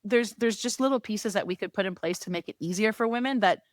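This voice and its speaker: A woman's voice: medium pitch, quick pace, dry recording. A woman in her thirties, a sports director as interview guest, talking earnestly and getting fired up, with frequent restarts. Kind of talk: casual conversational interview.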